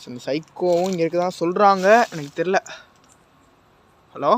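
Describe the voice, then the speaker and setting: A man's voice: sits high, moderate pace. A man vlogging a night-time ghost hunt, tense and fearful, calling out to unseen spirits as he films. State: nervous and jittery.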